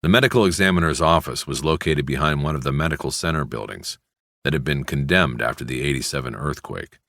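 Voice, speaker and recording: Male audiobook narrator, exceptionally low voice, measured delivery, dry studio sound. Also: vocal fry, no echo. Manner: measured, even storytelling.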